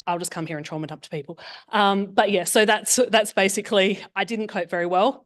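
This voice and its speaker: Low-voiced Australian woman telling stories. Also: no echo, clean studio sound. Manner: self-deprecating storytelling. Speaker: meetup speaker. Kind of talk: candid personal talk. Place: meetup room.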